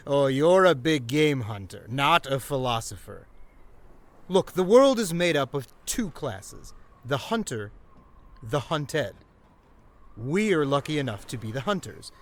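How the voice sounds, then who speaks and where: An actor playing a confident, scoffing big-game hunter who also narrates, in the style of an old-time radio drama. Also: male voice, medium pitch, very animated. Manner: brisk, self-assured, scoffing. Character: confident adult male big-game hunter, dismissive of fear. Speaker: narrator and lead character.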